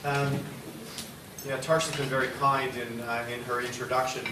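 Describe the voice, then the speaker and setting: A man who is a university executive gives a symposium presentation in a lecture room or studio space, speaking loudly and conversationally with hesitant fillers. His voice is medium-pitched, flat, and at normal speed. The noisy recording captures him from far off in a roomy hall.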